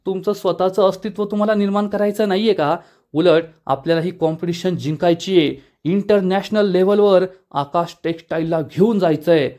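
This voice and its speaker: A man's voice: high voice, steady tone, fairly quick, warm tone, lightly acted. A man voicing an ambitious young woman who presses her boss with insistent lines.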